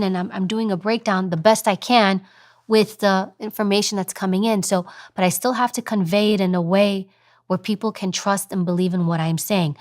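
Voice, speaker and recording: A woman in her thirties tells stories in conversation with lively energy. Her pitch sits in the middle range for a woman. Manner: animated storytelling, acts out high fast voices. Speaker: guest, former agent and news presenter. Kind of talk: interview conversation.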